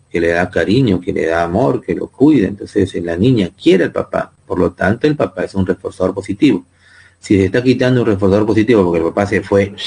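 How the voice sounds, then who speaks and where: Gravelly-voiced man teaching a class. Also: lowish voice, dark tone. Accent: Peruvian Spanish. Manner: asks students frequent tag questions. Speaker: psychology teacher. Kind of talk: online class lecture.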